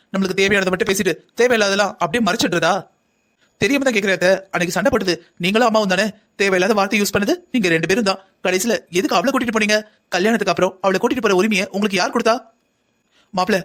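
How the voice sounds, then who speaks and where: Rapid-fire and high, with a slightly bright edge, this man's voice carries a heated family quarrel. He is the cartoon voice actor behind the whole family in this argumentative drama.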